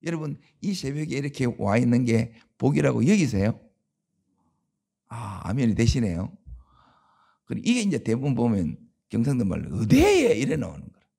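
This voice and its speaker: Male pastor, Gyeongsang Korean accent, gravelly husky voice, dark tone, conversational dawn sermon with rhetorical questions. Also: mid-range voice, lively intonation, moderate pace, long pauses.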